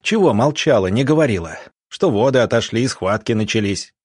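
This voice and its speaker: A man's voice: medium pitch, expressive, a little fast, darkish tone, breathy edge, no room sound, clean studio sound. A man reading aloud and voicing a field doctor who gives firm, terse commands. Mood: commanding. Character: calm authoritative field doctor, middle-aged man.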